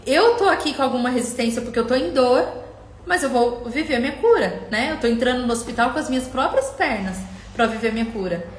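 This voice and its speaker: A woman's voice: on the high side, lively intonation, a little fast, echoey room, a little hiss or hum. A middle-aged woman coach hosting a live stream, speaking passionately and directly to viewers and acting out their words. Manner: passionate, speaks straight to viewers, quotes them in acted voices. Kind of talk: emotional live coaching talk.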